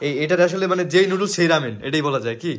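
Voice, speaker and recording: A young man with a Bangladeshi accent talks in a casual, joking vlog style. His delivery is rapid and slightly high-pitched, informal and chatty. The room echoes around his voice. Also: expressive. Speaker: vlogger hosting a food challenge. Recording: roomy echo, music underneath.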